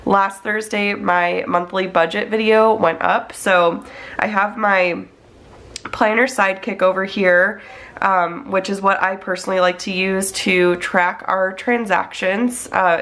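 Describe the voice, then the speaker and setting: Her voice is medium-pitched, creaky and fairly bright. She's a budget planning vlogger in her thirties, congested from a cold, casually chatting and explaining her steps as she plans her budget on a tablet.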